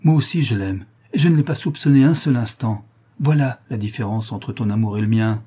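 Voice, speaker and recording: A man's voice: lowish voice, brisk, warm tone, slightly rough. A man voicing a composed, indignant wife. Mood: reproachful. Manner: firm, reproachful. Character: composed indignant married woman.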